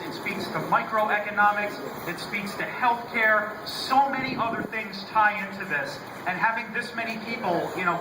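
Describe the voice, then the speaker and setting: An American state representative, a man with a loud, high voice, gives a speech from prepared remarks at an outdoor rally on a rainy day. He starts out conversational with some hesitations. The public-address mic is recorded from a distance, with heavy noise and an echoey sound.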